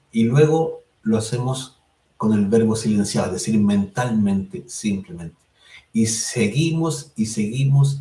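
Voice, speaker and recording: A man of middling pitch leads a meditation lesson in a calm, explanatory way, often pausing to check that listeners follow. He stretches chant syllables out slowly. His voice reaches the mic from a distance in a reverberant room. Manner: calm and explanatory, tags phrases with "¿cierto?"; draws out mantra syllables slowly. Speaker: spiritual course instructor. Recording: roomy sound, mic at a distance.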